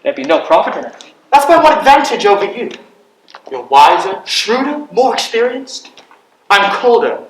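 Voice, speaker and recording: A man's voice: sits high, big pitch swings, normal speed, a little hiss or hum. Man playing neglected young prince, petulant, self-pitying, defiant, theatrical period drama, roomy recording. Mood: cold, accusing. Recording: echoey room.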